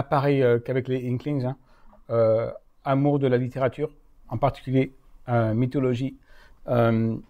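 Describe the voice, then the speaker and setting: A man's voice: medium pitch, dark tone. A man giving a live talk to an audience, speaking with frequent hesitations, fillers and self-corrections. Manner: hesitant, many fillers and restarts. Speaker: lecturer. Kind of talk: live lecture. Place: lecture hall.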